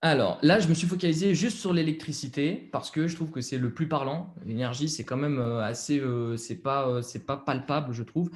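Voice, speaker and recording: A man's voice: medium pitch, moderate pace, hardly any pauses. A young man with a French accent presenting slides over a video call, hesitant, with many fillers and restarts.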